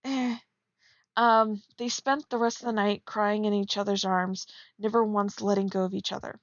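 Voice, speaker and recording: Reading fan fiction aloud on stream, a woman critiques it casually, teasing bluntly and tossing in sarcastic asides. She speaks at normal speed in a medium pitch with little pitch movement, and the recording is dry and muffled.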